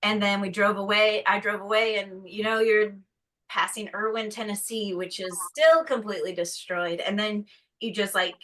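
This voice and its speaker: A chatty woman guest from North Carolina talks casually, with a bright, forceful tone. She slips into lively put-on voices when she quotes people. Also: mid-range voice, normal speed, poor audio. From North Carolina, USA. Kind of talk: casual conversation.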